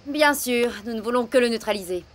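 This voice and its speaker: Woman as a high, cheeky young cartoon hero. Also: fairly quick, lightly acted. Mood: wry. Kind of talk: animated series dub acting. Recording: loud music under the voice.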